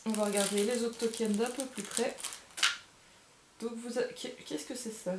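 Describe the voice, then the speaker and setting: A woman's voice: fairly high pitch, fairly even intonation, measured pace, heavy background noise. A woman casually unboxing and presenting a board game, thinking aloud and gushing with delight over small details. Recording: echoey room.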